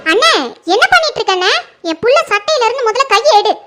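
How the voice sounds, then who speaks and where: A woman's voice: extremely high pitch, expressive, fast talker, loud music behind the voice. A woman playing a protective mother who defends her son in a family drama. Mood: defensive. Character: protective middle-aged mother.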